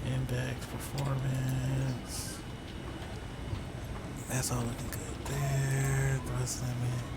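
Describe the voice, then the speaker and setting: A man streams a flight simulator, casually thinking aloud in short muttered fragments. His voice sits at an average pitch, and steady aircraft ambience is clearly audible behind him. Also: extremely slow. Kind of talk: casual gameplay commentary, thinking aloud through procedures. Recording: clear background vehicle-like noise.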